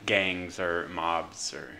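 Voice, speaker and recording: A young man co-hosting a casual podcast, explaining slowly and hesitantly with fillers. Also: sits low, fairly even intonation, gravelly, crowd noise. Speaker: podcast co-host. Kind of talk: casual chat.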